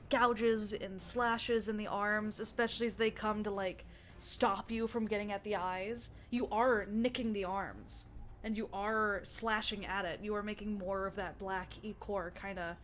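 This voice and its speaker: A woman narrating as game master in a tabletop game, describing the action with lots of restarts and fillers. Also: mid-range voice.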